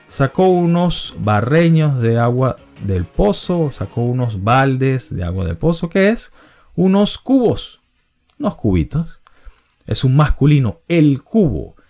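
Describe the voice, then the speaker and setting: A man's voice: mid-range voice, very animated, takes it slowly, a little mellow, soft background music. A man hosting a vocabulary quiz, patiently explaining and repeating each answer and its definition. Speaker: quiz host and organizer.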